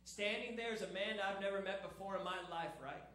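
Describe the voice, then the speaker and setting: A man's voice: high-pitched, a little fast, pushed and bright. A man in his thirties doing a conversational, punchy stand-up set and talking right to the crowd. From half Irish, half Filipino background. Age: 30s. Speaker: stand-up comedian. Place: comedy club stage. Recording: echoey noisy comedy club.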